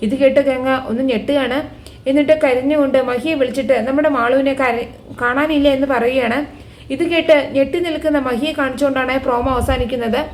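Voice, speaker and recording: Fast-talking woman recapping. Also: sits high, fairly even intonation, a little hiss or hum. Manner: chatty, ends lines with a friendly tag. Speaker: serial recap host. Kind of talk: casual episode recap narration.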